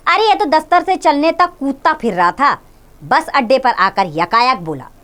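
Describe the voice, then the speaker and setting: A woman's voice: high voice, very animated, normal speed, fairly bright tone. A woman voicing a flustered father who hurriedly explains his son's stomach trouble, in a read-aloud play. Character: flustered father of sick boy.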